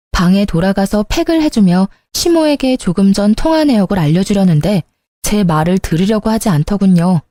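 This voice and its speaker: A woman's voice: mid-range voice, warm tone, no room sound. A woman narrating a first-person family story in a chatty, confiding way.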